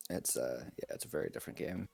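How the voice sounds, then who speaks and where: A very deep-voiced man breaking down an esports match as co-commentator, relaxed and analytical. His voice is gravelly, with faint music playing under it. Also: quick pace. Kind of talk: live game commentary and analysis.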